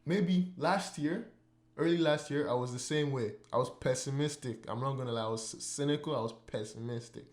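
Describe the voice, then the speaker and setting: A man's voice: mid-range voice, a little fast. A man hosting a casual podcast, mid-range voice, meandering and repeating himself as he works out his point. The recording has a noticeably roomy, echoing sound. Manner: rambling, full of "like" and repeated words. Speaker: podcast host. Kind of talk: casual chat. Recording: roomy echo.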